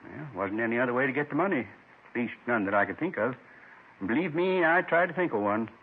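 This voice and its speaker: A lonely seventy-something man confesses on a muffled radio drama recording from the 1950s, his husky voice gentle and folksy as he rambles wistfully in brief, simple phrases. Here he talks fast in a mid-range voice with lively intonation, sounding remorseful.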